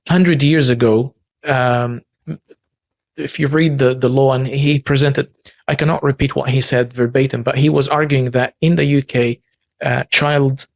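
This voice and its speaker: Speaking in an earnest way as an interview guest, this human rights activist from Egypt has a gravelly, medium-pitched voice and an Egyptian accent from his native Arabic. He frequently starts over and repeats words, and the audio is dry.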